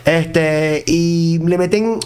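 A man's voice: on the high side, drawn-out words, a little mellow, clean tone. A man with a Venezuelan accent mixed with Mexican slang, chatting informally and profanely as a singer being interviewed. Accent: Venezuelan Spanish with Mexican slang. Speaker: interview guest, singer and producer. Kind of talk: casual conversational interview.

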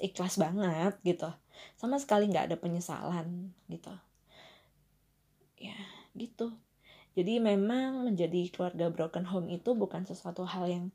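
A young woman calmly sharing a personal story in a casual monologue, with many fillers and asides. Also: fairly low pitch. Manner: reflective, frequent fillers and asides.

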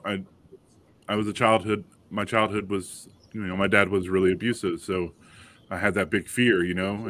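A man, telling a personal story on a panel, halting with fillers and restarts but animated when quoting others. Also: low voice. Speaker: panel guest father.

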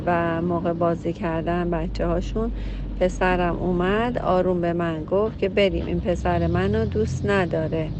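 A woman's voice: fairly low pitch, background noise. A woman counselor who reads out a listener's letter and answers it with direct, emphatic advice. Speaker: family counselor.

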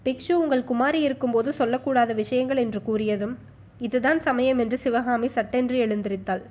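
A woman reading a historical novel aloud in an expressive, dramatic storytelling manner. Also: fairly high pitch, fairly quick. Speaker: audiobook narrator.

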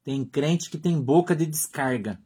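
A man preaching a sermon as pastor, in Brazilian Portuguese, emphatic, repeating short phrases and dropping to a hush. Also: fairly high pitch, a little slow, breathy edge.

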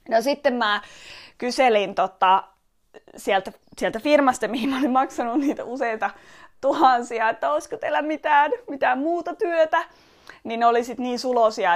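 A woman from Finland telling a chatty, rambling personal story with wry, self-deprecating humor and lots of fillers. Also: mid-range voice.

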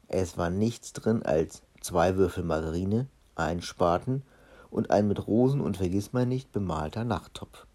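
Man, children's story reader, friendly, dark mellow tone, husky. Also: low voice. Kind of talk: reading a children's book aloud.

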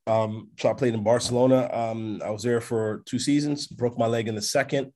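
A North American man, a sports agent appearing as a podcast guest, tells long stories in a relaxed, casual interview. His pitch is medium and his pace moderate. He's an expansive storyteller who keeps checking in with "right?"

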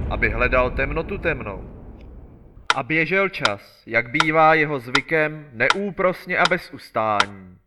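A man narrating a fairy tale in a measured, storytelling manner. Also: mid-range voice, heavy background noise. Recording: loud background music.

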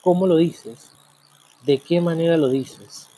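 A man hosting a program, talking in a reflective monologue full of rhetorical questions and slow, drawn-out pauses. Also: on the high side, dark tone, slightly rough. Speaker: program host.

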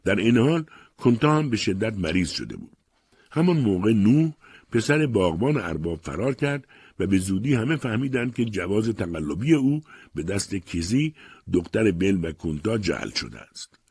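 Man, audiobook narration, lively storytelling, dry close mic. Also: fairly low pitch, husky, dry recording. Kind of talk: scripted narration.

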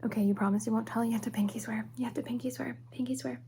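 A young woman whispering softly and slowly in a personal-attention ASMR roleplay, close to the microphone. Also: fairly high pitch, fairly even intonation, a little hiss or hum. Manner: soft whispering, slow and close. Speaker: ASMR creator. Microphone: close sensitive mic.

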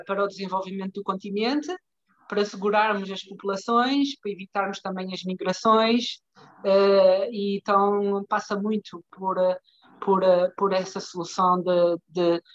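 A woman with a European Portuguese accent talks as an interview guest, in a mid-pitched voice. She explains in a conversational way, pausing to find words and adding checking tags. The sound is dull and lo-fi, like an online call. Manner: hesitant, searching for words, frequent checking tags. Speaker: interview guest, development bank professional.

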